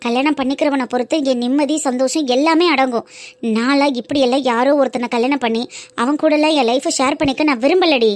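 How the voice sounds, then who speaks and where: In cartoon voice acting, a woman plays Seetha, a young adult college student who speaks earnestly and firmly about her family. Her high voice is quick-spoken and close to an everyday voice, with no room sound.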